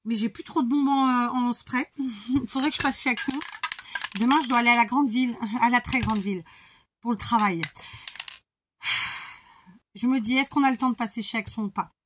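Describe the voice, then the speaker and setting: Chatty woman talking while she crafts, fairly high voice, lots of euh and restarts, faint hiss behind. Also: fairly even intonation, a little fast, pauses often. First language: speaks Portuguese too. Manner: chatty, rambling, many fillers and restarts. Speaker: crafter vlogger. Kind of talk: casual chat while crafting.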